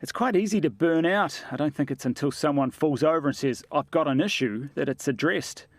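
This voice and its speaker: A man's voice: fairly high pitch, a little fast. Man with a disguised, altered voice. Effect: voice electronically altered to hide identity. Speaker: anonymous rural police officer. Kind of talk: news interview clip.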